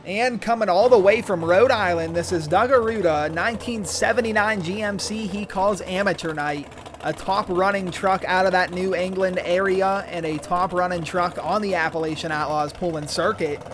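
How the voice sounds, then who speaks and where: Calling out runs and distances and introducing each driver, this tractor pull announcer speaks at a moderate pace in a high-pitched voice. Engines and vehicles roar loudly in the background.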